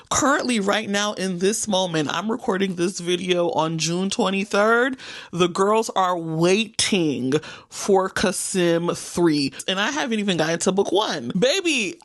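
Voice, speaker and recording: A woman's voice: on the low side, dry recording, studio quality. A woman from New York chatting casually with viewers about the books on her reading list, playful and talkative. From New York, United States. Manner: chatty and playful, addresses viewers as y'all and baby. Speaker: booktuber. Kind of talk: casual chat reviewing books.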